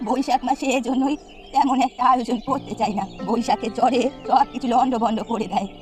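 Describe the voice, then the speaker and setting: A woman's voice: fairly high pitch, steady tone, fairly quick, darkish tone, soft background music, close to an everyday voice. A woman voicing a bossy, practical village woman in a cartoon. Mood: stern.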